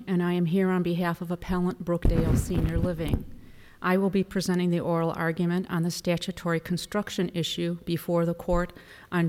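A woman attorney delivering a formal oral argument to a court in a deliberate, emphatic manner. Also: lowish voice, darkish tone. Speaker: appellate attorney. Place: large courtroom. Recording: reverberant hall.

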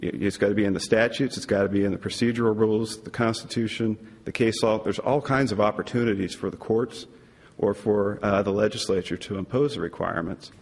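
A man speaking as an appellate lawyer, delivering a formal but somewhat halting oral argument in court. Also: on the low side, fairly even intonation, creaky, slightly rough. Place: large courtroom. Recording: reverberant courtroom.

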